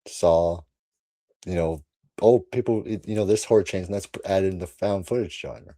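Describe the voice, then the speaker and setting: A man's voice: low voice, moderate pace, dark tone, no room sound. A man hosting a casual horror podcast chat, laughing often and trailing off with "so". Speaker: channel host.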